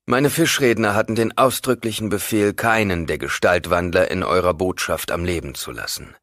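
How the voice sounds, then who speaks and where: A man playing an ancient, calculating god-emperor in an audiobook, measured and commanding. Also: deep voice, a bit bright, dry recording, clean studio sound. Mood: cool.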